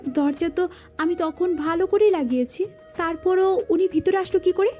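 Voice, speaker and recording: A woman narrating a romance audio drama in the first person, telling it in a lively manner. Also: very high voice, moderate pace. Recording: faint background music.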